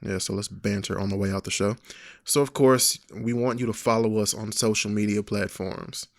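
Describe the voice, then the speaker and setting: A man's voice: fairly low pitch, steady tone, normal speed, gravelly, dry recording, clean studio sound. A man co-hosting a podcast, joking and bantering in casual talk. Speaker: podcast co-host. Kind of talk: casual chat.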